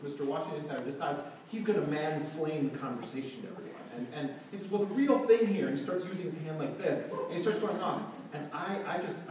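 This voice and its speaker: A journalist and author giving a talk to a live audience, telling an anecdote in a sardonic, indignant way. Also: male voice, a little high. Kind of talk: public speech, anecdotal storytelling. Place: lecture hall before a live audience. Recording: echoey hall, distant mic, background noise.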